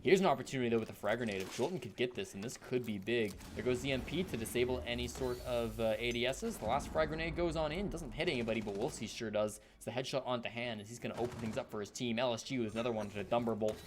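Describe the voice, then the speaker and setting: A man's voice: mid-range voice, fast, hardly any pauses, noisy background. A man doing play-by-play esports commentary, giving a running account of the action. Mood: excited.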